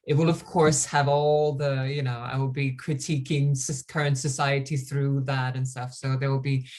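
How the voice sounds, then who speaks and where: An author from Iceland talking in a relaxed, chatty way during a casual interview over a video call. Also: mid-range voice, normal speed.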